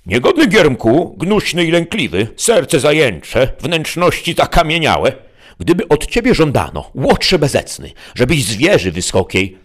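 A man's voice: sits low, animated, moderate pace, slightly rough. A man voicing a bold, scornful young woman in silver veils who scolds harshly. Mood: scornful scolding.

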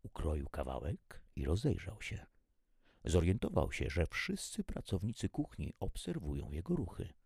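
A man narrating a story in an expressive, animated reading style. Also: low-pitched, normal speed, gravelly, slightly rough, dry recording, studio quality.

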